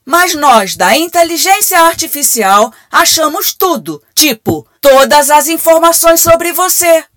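A woman's voice: very high-pitched, lively intonation, unhurried, fairly bright tone, no echo, clean studio sound, exaggerated voice. A Brazilian woman playing a cheeky, slangy AI telemarketing assistant in a comic radio play. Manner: breezy, slangy, scripted assistant patter. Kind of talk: radio comedy sketch acting.

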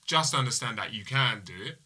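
A man's voice: mid-range voice, expressive, fairly quick, sharp tone, slightly rough. A man being interviewed as an endurance athlete, offering upbeat motivational advice. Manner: upbeat, motivational, repeats "just do it". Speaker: guest athlete. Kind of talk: casual interview chat.

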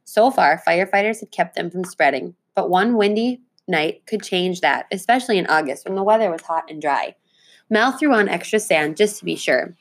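Teacher reading a chapter book aloud to students, lowish voice, clear and expressive. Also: female voice, moderate pace.

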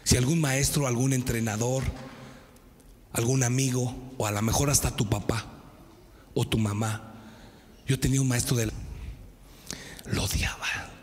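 A man preaching a sermon, animated and telling stories with acted voices. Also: medium pitch, normal speed, long pauses. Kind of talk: sermon storytelling. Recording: echoey hall, faint ambience.

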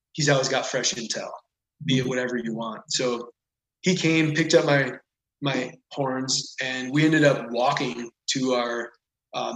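A man as a podcast guest, telling a story casually and animatedly, with lots of "like" and "whatever.". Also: medium pitch. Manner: animated, rambling with frequent "like" and "whatever". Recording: echoey room.

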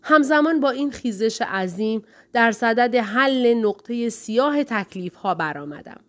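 A woman narrating a first-person audiobook in a measured, even reading. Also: on the high side.

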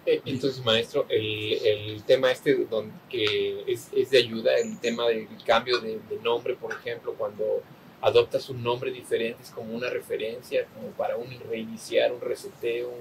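Brief: male student, gravelly voice, hesitant questions, faint rumble behind. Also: flat delivery, normal speed, low-quality recording. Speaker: student in the group.

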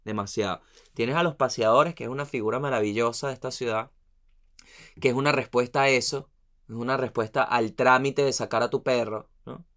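A Venezuelan man spinning comic stories in a lively, swear-filled rush, dropping his voice to mumble asides between the punchlines. His pitch sits in an ordinary middle range. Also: brisk. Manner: animated, slangy and profane, trailing off into muttered asides. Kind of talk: comic storytelling monologue.

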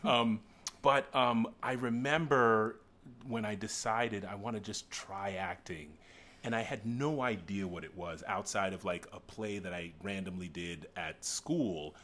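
A man interviewing casually as host, with animated, rambling, digressive storytelling. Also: lowish voice, a little slow.

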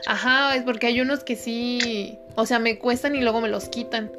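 A woman's voice: a little high, fairly even intonation, moderate pace, music in the background. A young Mexican woman telling gossip in a casual chat, swearing freely and acting out dialogue. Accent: Mexican Spanish.

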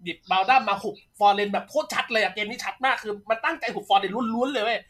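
A man's voice: sits high, fast, a bit bright. A young man hosting a casual post-match chat about an esports game, bantering rowdily with crude words and laughing often. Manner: rowdy, profane banter with frequent laughter. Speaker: shoutcaster host.

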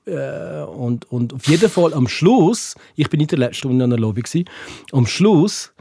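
A man's voice: on the high side, animated, a little slow, gravelly, dark tone, slight background noise. A man with a Swiss German accent, a guest in a casual chat, telling a story hesitantly with many fillers.

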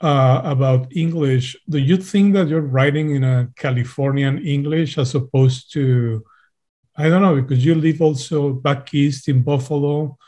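A man, co-hosting a casual conversation and asking measured, curious questions. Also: on the high side, fairly even intonation, dark tone. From Mexico. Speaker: podcast co-host.

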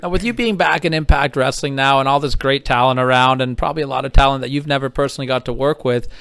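A man's voice: mid-range voice, fast, vocal fry, fairly bright tone, clean tone, no room sound. A man interviewing a guest in a casual, enthusiastic, fan-like way.

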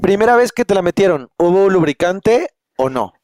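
A man's voice: high-pitched, animated, normal speed, darkish tone, no room sound, studio quality. A Mexican man hosting a casual chat, teasing, with crude jokes and blunt questions. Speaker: host.

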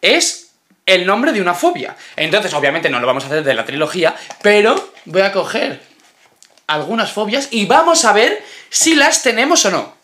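A man's voice: high voice, big pitch swings, moderate pace, bright, forceful tone, echoey room. A young man co-hosting a casual podcast, teasing and swearing as he chats. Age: young adult. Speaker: podcast co-host. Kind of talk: casual chat.

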